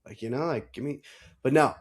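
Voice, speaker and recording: A man talking sports casually like a frat bro, animated and slangy, with heavy swearing and mimicked voices in his retellings. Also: medium pitch, a little fast, slightly rough. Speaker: sports podcast host.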